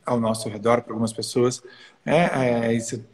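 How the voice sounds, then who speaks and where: A man hosting a live-stream interview. He affirms his guest warmly and tags his questions with "né". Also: medium pitch, steady tone, moderate pace. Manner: warm and affirming, with frequent tag questions.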